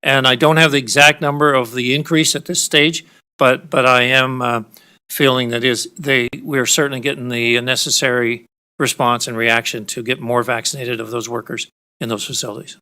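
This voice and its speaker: Clear, bright-voiced male official. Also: mid-range voice, level tone. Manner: halting, searching for words. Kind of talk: press briefing answer.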